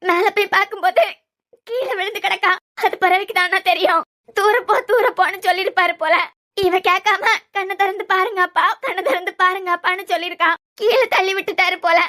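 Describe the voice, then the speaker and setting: A woman's voice: extremely high pitch, fairly even intonation, brisk, pushed and bright. A woman voicing a frightened young mother in a cartoon serial, pleading and tearful, with a Kanyakumari Tamil accent.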